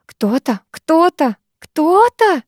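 A woman reading an audiobook, voicing an indignant teenage schoolgirl with shrill outraged outbursts. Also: steady tone, brisk, a little mellow, no room sound, clean studio sound, close to an everyday voice.

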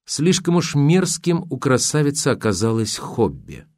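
A man reading an audiobook as narrator in an even, measured way. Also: medium pitch, no echo, clean studio sound. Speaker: audiobook reader. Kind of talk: scripted narration.

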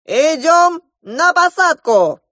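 A woman's voice: on the high side, animated, slow pace, a bit bright, no echo, clean studio sound, pitched above the performer's own voice, exaggerated voice. A woman voicing a bossy, theatrical male goose pilot in a storybook reading, declaiming and commanding. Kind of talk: audiobook character voice.

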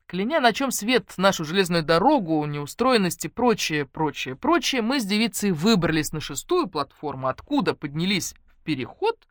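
A woman narrating a first-person novel in a wry, lively storytelling manner. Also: lowish voice, normal speed, few pauses, no echo, clean studio sound. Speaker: audiobook narrator.

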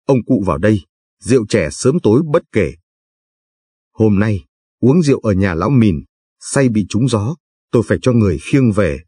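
A man's voice: fairly low pitch, expressive, normal speed, pauses often, mellow, husky, dry recording, clean studio sound. A man voicing a middle-aged provincial chairman who talks in an effusive, voluble way.

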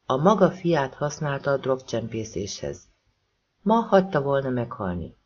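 A man narrating a thriller audiobook with a lively, rising and falling pitch and a husky, slightly breathy tone. The recording is dull and lo-fi.

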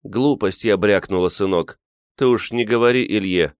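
A man's voice: fairly low pitch, moderate pace, smooth, no echo, studio quality, close to an everyday voice. A man reading an audiobook, voicing an older grieving peasant woman who sighs and scolds. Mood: plaintive. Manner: sighing, plaintive, scolding. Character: weary grieving old peasant woman, motherly.

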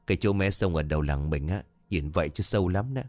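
A man's voice: sits low, fast talker, darkish tone, dry recording, soft background music, lightly acted. A man playing a stern village father. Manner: firm, scolding.

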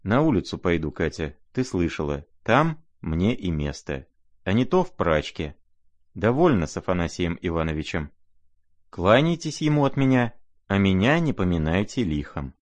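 A man's voice: deep voice, big pitch swings, moderate pace, no echo. A man voicing a proud, reckless young woman who gives orders in an imperious, scornful way, read in an audiobook. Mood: defiant. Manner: imperious, commanding.

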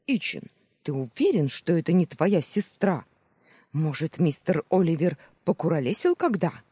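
Narrator voicing a loud, gruff big baker. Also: mid-range voice, sing-song, moderate pace, no echo, pitched above the performer's own voice. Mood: mocking. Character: big gruff male baker, teasing and blunt. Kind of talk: audiobook character voice.

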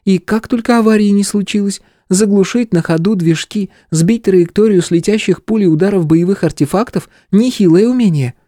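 A man's voice: high-pitched, a little fast, hardly any pauses, warm tone, dry recording, clean studio sound, pitched above the performer's own voice, close to an everyday voice. A man reading an audiobook voices a brash, tipsy young brunette woman who teases skeptically. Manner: skeptical, teasing.

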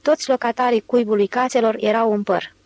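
A woman reading a novel aloud in steady, measured literary narration. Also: on the high side, no echo. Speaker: audiobook narrator.

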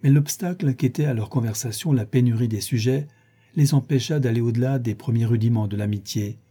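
A man reading a classic novel aloud as an audiobook, measured and even. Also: medium pitch, breathy edge. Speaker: audiobook reader. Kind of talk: scripted narration of a classic novel.

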